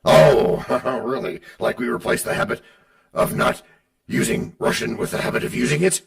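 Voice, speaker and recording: A man's voice: a little high, animated, a little fast, gravelly, a bit bright. A middle-aged man hosting a podcast, playfully bantering with himself in a scripted back-and-forth, recorded on a distant mic. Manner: playful, switching between his own voice and a sidekick. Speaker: podcast host.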